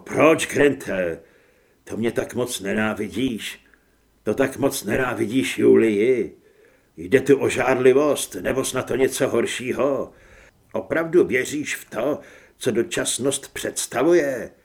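Casting: male reader as a furious armed hunter, loud and threatening. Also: mid-range voice, gravelly, lightly acted.

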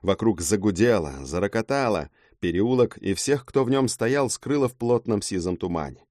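A man's voice: lowish voice, animated, moderate pace, a little mellow, no room sound, studio quality. A man narrating a fantasy audiobook in the first person with a dramatic delivery.

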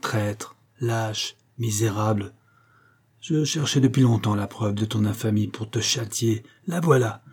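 A man's voice: medium pitch, moderate pace, warm tone, natural voice. Cold detective chief, contemptuous and in control, as a male reader puts him on. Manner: commanding, scornful. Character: commanding male detective posing as gang chief, cold, stern.

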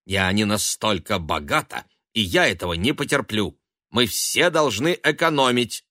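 A man's voice: on the high side, expressive, moderate pace, a bit bright, no room sound, clean studio sound, pitched above the performer's own voice. A man voicing a stingy, reproachful old mother who scolds her grown sons in a bitter, self-pitying way. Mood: scolding.

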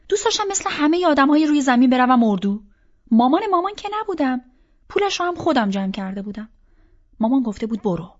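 Female audiobook narrator, reflective first-person read, fairly high voice, slightly dull sound. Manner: reflective, inward storytelling.

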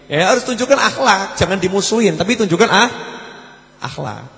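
A fairly high-voiced man gives an Islamic study sermon. He rises to loud, pressing questions, then drops to soft, low asides. A long reverb trails his voice. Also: expressive, normal speed, creaky. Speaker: religious teacher.

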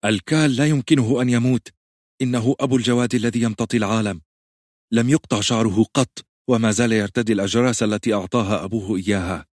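A man's voice: fairly low pitch, steady tone, quick pace, a little mellow, no echo, studio quality, pitched above the performer's own voice, lightly acted. A man voicing a young pregnant queen who gives urgent orders, commanding yet frightened. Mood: fierce.

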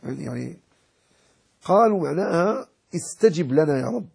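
A man's voice: on the high side, expressive, moderate pace, gravelly, a little mellow, breathy edge. A man as a sheikh giving a religious jurisprudence lecture, explaining and repeating points and checking that his listeners understand. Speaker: sheikh teaching Islamic jurisprudence.

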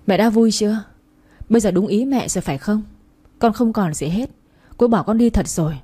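A woman voicing a drunk, heartbroken young man who slurs his words and lashes out bitterly, with a husky, dark voice. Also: mid-range voice, expressive, fairly quick. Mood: despairing. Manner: slurred bitter shouting.

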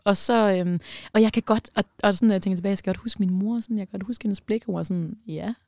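A young woman telling a personal story as a podcast guest, animated and emotional, with many fillers. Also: mid-range voice, dry recording, studio quality.

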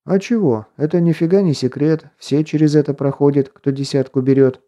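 A man's voice: a little high, a little fast, warm tone, dull audio, voice pushed up, natural voice. A man voicing an easygoing, joking male miner buddy in an audiobook, full of casual slang and folksy philosophizing. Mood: reassuring. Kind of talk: audiobook character voice.

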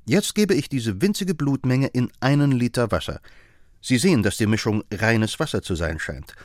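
A man reading an audiobook, voicing an eager, brilliant young male chemist who talks in quick, excited bursts. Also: medium pitch, no room sound, studio quality, lightly acted. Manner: excitable, rapid and exclaiming. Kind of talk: audiobook character voice.

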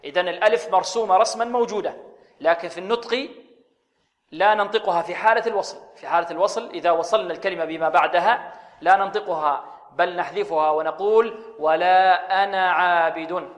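A man teaching tajweed in a Quran recitation lesson. He poses questions and answers them himself, and he chants his examples slowly and drawn out. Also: sits high, big-room sound.

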